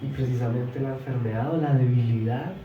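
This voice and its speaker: A man's voice: mid-range voice, fairly even intonation, far from the mic, lo-fi sound, soft background music. Emphatic preacher man in echoey church. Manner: emphatic, swings between loud exclamations and soft asides; stretches words slowly for emphasis. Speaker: pastor. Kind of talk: sermon. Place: church hall.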